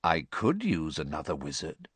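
A man voicing a frail, cruel dark wizard lord in an audiobook, with a soft, breathy hiss and a contemptuous, imperious manner. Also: medium pitch, big pitch swings, measured pace, no echo, voice pushed up. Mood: cold menace.

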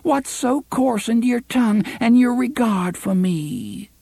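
A man voicing a shrill, domineering older aunt who talks in old-fashioned "thee" and "ye" speech. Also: animated, slow pace, vocal fry, warm tone, husky, dry recording, heavily acted. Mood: shrill pleading.

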